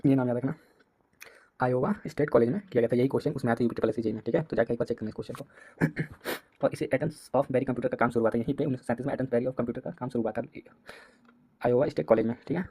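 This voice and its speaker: A young man giving a casual exam-prep lesson, talking in a quick, repetitive way and often clearing his throat. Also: medium pitch, mellow. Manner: rapid, repetitive, casual, addresses students as "bhai". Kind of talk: fast late-night revision lecture.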